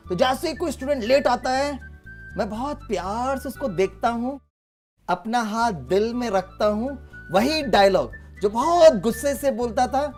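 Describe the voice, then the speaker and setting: A man's voice: high voice, darkish tone. A man who teaches, giving a storytelling talk to children and acting out his own lines with big shifts in tone, chuckling often. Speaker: teacher and guest speaker for children.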